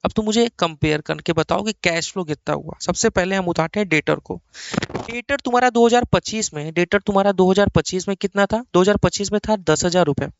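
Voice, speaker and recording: A man's voice: sits high, fairly quick, gravelly, dry recording, lo-fi sound. A man from India teaching accounting in a classroom-style lecture, coaxing and repeating points for his students.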